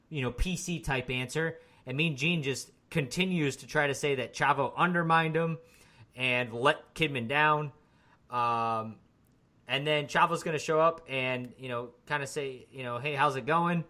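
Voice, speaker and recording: A man with a bright, clear-edged voice co-hosts a casual wrestling podcast. He recaps scenes loosely, piling on fillers as he goes. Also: medium pitch, moderate pace. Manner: relaxed, rambling recap with frequent fillers. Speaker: podcast co-host.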